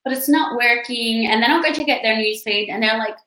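Host: upbeat woman, higher voice, recorded in a roomy, echoey space. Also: brisk, sharp tone. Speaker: podcast host. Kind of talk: casual podcast chat. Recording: roomy echo.

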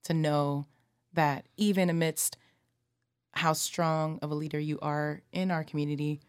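Low-voiced affirming woman host. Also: little pitch movement, a little slow, smooth, dry recording, studio quality. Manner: warm, affirming, frequent soft back-channel sounds. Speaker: podcast host. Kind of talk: supportive interview talk.

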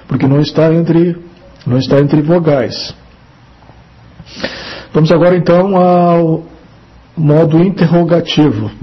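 A man teaching a French lesson to Portuguese speakers, saying each word twice, then translating it, with many fillers. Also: fairly high pitch. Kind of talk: slow language lesson drills. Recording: dull lo-fi recording.

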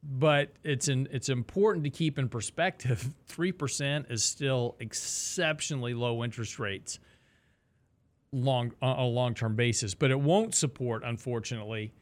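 A man's voice: mid-range voice, moderate pace. Middle-aged man hosting a financial talk show. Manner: explains with rhetorical questions and asides. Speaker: radio show host.

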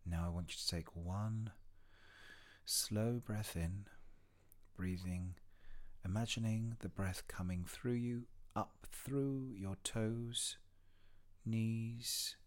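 A man with a deep voice guides a mindfulness meditation. His delivery is soft and hushed, at times close to a whisper. He gives gentle instructions in short phrases, very slowly, leaving long pauses. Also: fairly even intonation. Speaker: meditation guide and podcast host.

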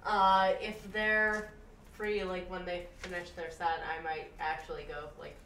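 A woman's voice: fairly low pitch, little pitch movement, a little slow, a bit bright. A woman chatting casually as a player in a tabletop game, recorded in an echoey room. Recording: echoey room, distant mic, faint noise.

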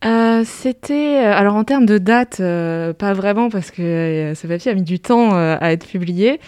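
A woman's voice: mid-range voice, animated, unhurried, darkish tone, smooth. A woman, a guest researcher on a podcast, answering questions with many fillers. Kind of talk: conversational interview.

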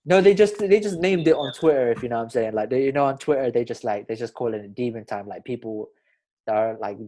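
A man's voice: mid-range voice, quick pace, warm tone. A young man with a London roadman accent, bantering casually and peppering his talk with street slang. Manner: slangy, peppers talk with bruv, fam and blood.

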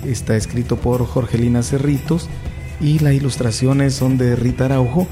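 A man's voice: mid-range voice, steady tone, moderate pace, dark tone, faint music behind. A man with a Salvadoran Spanish accent, a teacher presenting and reading from a children's book in an informal way.

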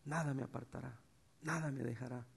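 A middle-aged man preaching a sermon as pastor, swinging between loud bursts and soft, tender passages. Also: medium pitch, fairly quick, vocal fry, husky. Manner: animated preacher, swings from shouts to soft tones.

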